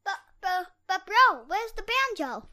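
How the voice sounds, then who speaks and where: A man's voice: extremely high pitch, very animated, a little slow, pitched above the performer's own voice, full character voice. A man voicing a whiny little boy who stammers as he pesters his dad. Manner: whining, stammering.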